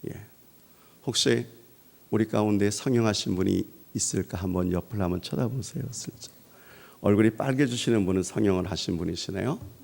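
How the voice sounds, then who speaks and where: A man preaching a Sunday sermon as pastor, swinging between hushed and loud, dramatic passages. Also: a little fast, gravelly. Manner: preaching with dramatic swells of pitch and volume.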